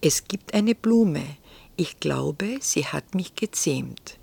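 A woman's voice: deep voice, lively intonation, slow pace, creaky, darkish tone, breathy edge, no room sound, full character voice. A woman voicing a curious, earnest little boy prince in a whispered role-play, asking questions in a wondering whisper.

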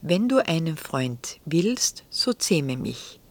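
A woman voicing a wise, patient, lonely fox in a whispered role-play, with a soft, gently pleading whisper. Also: deep voice, big pitch swings, slow pace, full character voice. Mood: gentle musing.

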